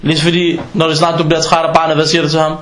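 A man giving an informal sermon in an animated way, acting out everyday exchanges as he preaches. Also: a little high, echoey room. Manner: animated, acts out dialogues in quoted voices.

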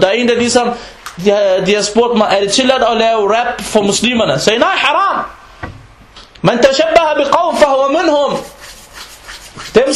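High-pitched man preaching in a roomy space. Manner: animated, mixes in Arabic phrases and recitation. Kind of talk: informal religious lecture.

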